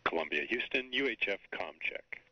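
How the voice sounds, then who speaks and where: A man's voice: medium pitch, lively intonation, moderate pace, no echo. A man working as mission control's spacecraft communicator, making terse, repetitive call-sign checks over a crackly space-to-ground radio transmission. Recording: dull, dry radio line.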